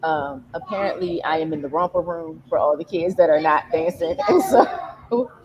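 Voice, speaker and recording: A woman's voice: lowish voice, expressive, normal speed, vocal fry. A woman from Baltimore, a middle school math teacher and editor, talking casually from a church during her children's dance practice. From Baltimore, USA. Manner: casual and chatty. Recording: dull mic with loud church background noise.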